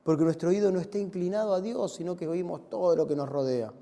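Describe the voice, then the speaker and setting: In a church, a pastor speaking Spanish with a Rioplatense accent delivers his sermon in a high-pitched, fast voice. He moves back and forth from loud shouting to quiet, hushed passages.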